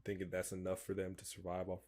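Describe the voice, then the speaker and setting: A young man with a lowish voice co-hosts a casual podcast. He talks in easy slang and quotes his friends as he retells shared stories. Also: completely flat delivery, quick pace, darkish tone. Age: young adult. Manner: laid-back, slangy, quotes friends mid-story. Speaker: podcast co-host. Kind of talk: casual storytelling chat.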